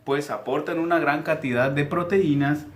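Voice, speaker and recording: Man, teacher reading to young kids, slightly high voice, echoey room. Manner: patient, slow, guiding. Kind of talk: reading aloud for young pupils.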